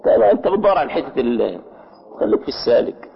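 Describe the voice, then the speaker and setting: Egyptian guy teaching grammar, mid pitch, keeps asking if u got it, dull muffled recording. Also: very animated, creaky. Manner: explains patiently, checks understanding with quick questions to students. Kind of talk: classroom grammar lesson.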